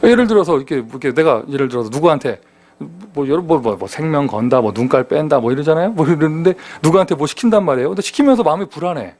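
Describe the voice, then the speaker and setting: A man preaching a sermon as pastor, in a lively conversational manner full of rhetorical questions. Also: fairly high pitch, fast. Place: church sanctuary.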